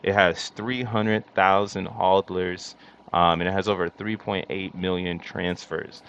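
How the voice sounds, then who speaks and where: A man hosting a casual crypto livestream in slangy, hyped-up crypto bro talk, chatting to his viewers with drawn-out emphasis. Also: low voice, fairly even intonation, fairly bright tone. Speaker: livestream host. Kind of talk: casual crypto commentary to a live chat. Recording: dull lo-fi mic with faint background noise.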